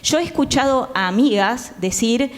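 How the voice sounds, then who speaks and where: Her pitch sits fairly high and she sounds animated, though her pace stays moderate. Still the Argentine woman on the live theatre panel, she chats conversationally and gropes for words in the echoing hall.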